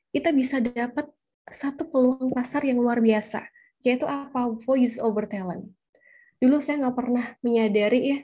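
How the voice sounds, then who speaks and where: A woman leading a live public speaking workshop, swinging her pitch up and down as she demonstrates intonation to her audience. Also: a little mellow.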